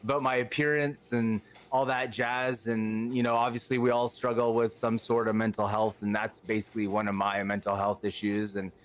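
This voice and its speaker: A man's voice: on the low side, flat delivery, normal speed, few pauses. A man, chatting as a podcast guest in an outgoing, rambling way. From Canada. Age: 30s. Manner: outgoing, rambling, lots of fillers. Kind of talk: casual chat.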